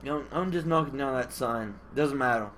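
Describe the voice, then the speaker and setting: Hosting a gaming video, this man speaks a little fast in a medium-pitched, fairly bright voice that's nasal from a blocked nose. His commentary is casual and rambling as he thinks out loud, and clear background noise comes through the mic.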